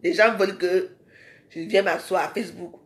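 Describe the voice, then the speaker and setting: A woman's voice: lowish voice, fairly even intonation, normal speed. A woman ranting in a live social media video. She is confrontational and scolding and keeps firing rhetorical questions at her viewers.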